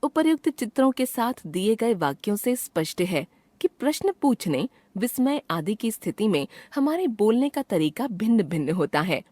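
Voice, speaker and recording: A woman reads a scripted grammar lesson in a precise, measured way. Her pitch moves a lot from phrase to phrase, which makes the reading sound lively. The sound is close and dry, with no room around it. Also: no room sound. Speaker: grammar teacher narrating a lesson.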